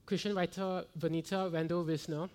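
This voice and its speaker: A middle-aged man preaches from the pulpit in an earnest sermon. His voice sits fairly high for a man, and he climbs into fervent rhetorical questions as he presses his points. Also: level tone, moderate pace. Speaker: pastor.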